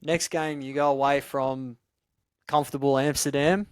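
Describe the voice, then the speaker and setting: A man's voice: medium pitch, steady tone, moderate pace, clean tone. A man hosting a casual, conversational interview, asking questions and responding in an attentive, colloquial way. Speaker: interviewer, host.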